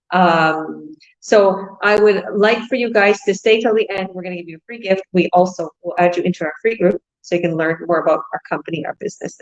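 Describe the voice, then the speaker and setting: A woman's voice: medium pitch, muffled recording. Chatty woman hosting an online call. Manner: chatty, many fillers. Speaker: host. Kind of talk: casual online group call. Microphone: video call.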